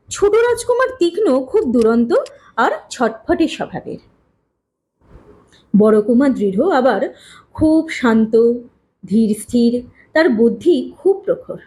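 A woman narrating a story aloud with an expressive, dramatic reading. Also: high voice, slow, long pauses. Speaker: audiobook narrator.

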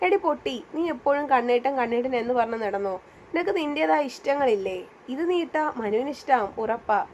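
A woman's voice: high voice, expressive, fairly quick, darkish tone, a little hiss or hum. A woman narrator voicing a cheerful young female friend who talks playfully and coaxes. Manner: playful, coaxing.

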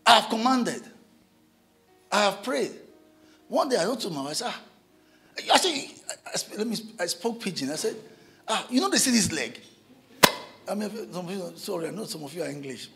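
Lively, bright-voiced man preaching a sermon. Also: sits high, normal speed, vocal fry, pauses often, soft background music. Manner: animated preaching with sudden shouts and chuckles. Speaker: pastor. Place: church.

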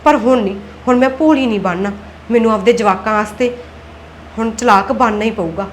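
A woman with a fairly high, natural voice speaks briskly, with a little hiss or hum on the recording. She is an actress in a Punjabi web-series family drama, playing a scheming young wife and daughter-in-law who argues back and mutters plots to herself.

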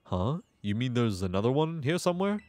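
A man's voice: mid-range voice, very animated, brisk, darkish tone, dry recording, close to an everyday voice. A man voicing a sullen, casual teenage boy in a video game, reading with a reluctant delivery.

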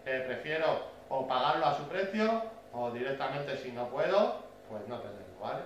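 A man from telling a story to his viewers in a casual, chatty way, tagging many lines with a quick question. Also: medium pitch, sing-song, far from the mic, muffled recording. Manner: chatty, frequent "¿vale?" tag questions. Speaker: bird keeper vlogger. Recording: very echoey room, voice off-mic, faint hiss.

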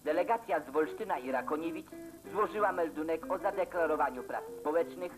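Man, old newsreel narrator, formal declamatory read, slightly high voice, over loud guitar music. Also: fairly quick, rough recording.

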